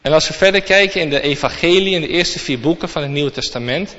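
A man's voice: fairly high pitch, fast, a bit bright. A man giving a sermon, reading scripture aloud and then explaining it to the congregation. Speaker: preacher. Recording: long reverb, dull lo-fi sound.

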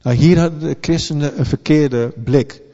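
A man delivers an earnest sermon in a mellow, warm voice, stumbling and restarting his words as he goes. His voice rings with a long reverb, as in a big hall. The recording itself is dull and lo-fi. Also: fairly high pitch, normal speed. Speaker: preacher.

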